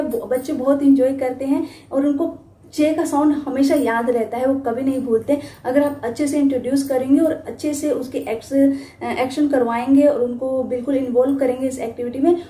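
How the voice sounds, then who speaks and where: High-voiced woman teaching phonics sounds. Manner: models letter sounds loudly, drawn out. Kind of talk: spoken teaching tutorial. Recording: echoey room.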